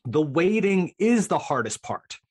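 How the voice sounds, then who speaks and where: A man's voice: a little high, very animated, measured pace, husky. A man chatting casually as a guest coach in a podcast interview.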